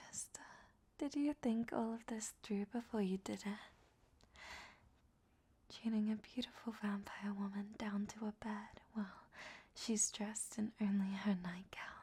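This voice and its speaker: A woman gives a teasing, sardonic performance as a flirtatious, cunning ancient vampire in an audio drama roleplay, keeping to a soft, breathy half-whisper. She speaks slowly at a medium pitch with fairly even intonation.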